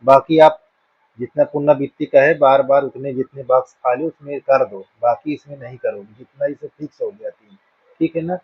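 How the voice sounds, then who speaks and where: Husky male maths teacher, dull lo-fi sound. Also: medium pitch, moderate pace. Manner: patient, checks in with "thik hai na" often. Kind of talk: blackboard maths lesson. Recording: dull dry lo-fi room sound.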